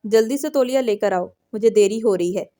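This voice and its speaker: A woman's voice: mid-range voice, normal speed, mellow, natural voice. A woman voicing an angry, domineering husband who barks orders and scolds. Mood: angry scolding.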